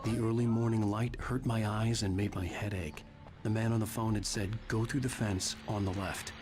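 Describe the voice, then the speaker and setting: A man's voice: fairly low pitch, fairly even intonation, moderate pace, noisy background, natural voice. An actor playing a troubled, guarded man who narrates his ordeal in a video game, terse and brooding. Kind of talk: video game dialogue and first-person narration. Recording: background music under voice.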